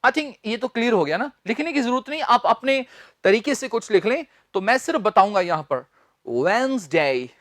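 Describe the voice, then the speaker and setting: A man teaching spoken English, repeating words slowly and talking directly and informally to his students. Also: very high voice, expressive, a bit bright, no room sound, studio quality. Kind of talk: pronunciation lesson.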